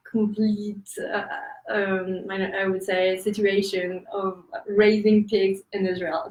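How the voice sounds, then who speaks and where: A woman with a French accent answers interview questions as a guest author, her medium-pitched voice a little mellow. She's hesitant, using many fillers and laughing asides. She sits far from the mic, and the room gives a roomy echo.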